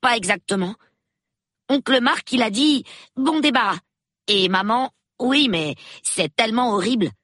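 A man's voice: extremely high pitch, expressive, bright, forceful tone, dry recording, voice pushed up, exaggerated voice. A man voicing an eager, chatty boy of about nine in a storybook reading. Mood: excited. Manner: eager, rapid, gossipy.

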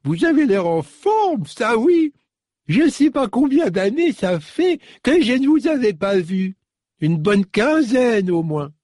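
A very old, stooped woman in a storybook reading, her voice pitched high and quavering, gruff by nature but doting on a long-missed visitor, as a man puts her on. The sound is husky and breathy, and it swoops about with lively pitch. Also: a little slow, no echo, clean studio sound, exaggerated voice. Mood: fussing. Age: 70s to 80s (figure).

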